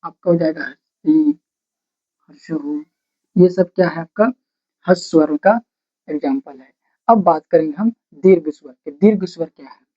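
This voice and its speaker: A grammar teacher dictating notes slowly, repeating phrases word by word and asking questions before answering them. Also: medium pitch, mellow. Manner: slow, repetitive dictation, breaking sentences into single words. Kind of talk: blackboard-style grammar lesson, dictating notes. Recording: dull lo-fi recording.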